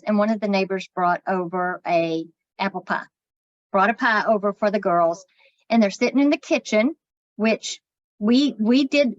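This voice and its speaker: A woman's voice: mid-range voice, no echo, muffled recording. A woman co-hosting a podcast, telling stories in casual chat and swearing now and then. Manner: chatty storyteller, swears casually. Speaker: podcast co-host.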